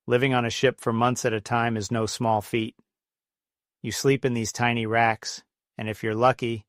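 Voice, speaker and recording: Even-toned man telling corny dad jokes. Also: mid-range voice, dry recording, clean studio sound. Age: middle-aged. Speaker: comedy storyteller and host. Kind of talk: scripted monologue of navy stories and dad jokes.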